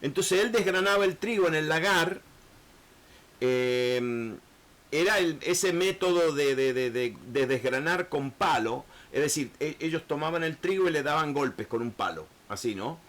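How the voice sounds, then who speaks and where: Man, Bible lesson, earnest, hesitant restarts, acts out scripture voices, higher pitch. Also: lively intonation, a little slow, fairly bright tone. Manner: acts out biblical speakers in shifting voices. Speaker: Bible teacher.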